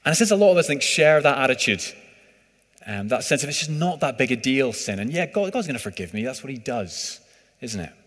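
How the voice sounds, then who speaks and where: A man's voice: medium pitch, sing-song, a little fast, a bit bright. A man preaching a sermon in a conversational, hesitant way, full of fillers. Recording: reverberant hall.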